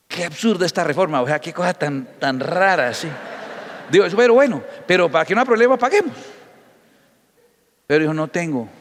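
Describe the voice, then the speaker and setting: Pastor preaching in an echoing hall. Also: male voice, high voice, moderate pace, long pauses. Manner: animated storytelling with acted dialogue. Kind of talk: sermon.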